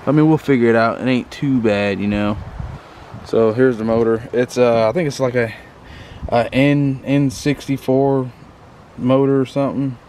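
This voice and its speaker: A man's voice: medium pitch, fairly even intonation, moderate pace. A man giving a casual, rambling vlog walkthrough in an informal, folksy way, talking to his viewers. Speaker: vlogger showing equipment bought for a business. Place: outdoors on a windy day. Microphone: handheld camera, flipped between self and subject. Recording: loud wind and outdoor noise on microphone.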